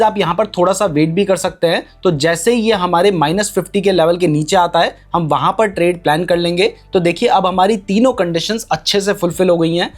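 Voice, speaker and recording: A man explaining a trading strategy in a chart tutorial, pointing things out on screen and mixing English terms into his speech. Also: high-pitched. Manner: mixes English terms into Hindi. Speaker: trading educator.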